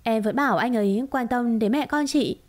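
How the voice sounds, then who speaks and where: Woman narrator doing a sly pregnant rival, sweet on top, shrill when crying for help. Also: normal speed, close to an everyday voice. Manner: sugary, then wailing and shrill. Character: scheming pregnant young woman, sweet-tongued.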